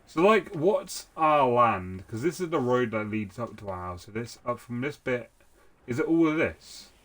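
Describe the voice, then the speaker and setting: In a relaxed let's-play, a young man with a cold talks while he games, wandering between thoughts with many fillers and restarts. He's a gaming streamer with a mid-range, sing-song voice at a moderate pace.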